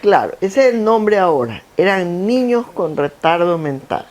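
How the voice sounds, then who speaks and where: An older woman from Guayaquil with an Ecuadorian coastal accent, telling stories about her work in a lively, anecdotal interview. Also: lowish voice, measured pace. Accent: Ecuadorian coastal Spanish, Guayaquil. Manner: animated, anecdotal, lists with repetition. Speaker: interview guest, founder of a foundation. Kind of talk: conversational interview, storytelling. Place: theater stage.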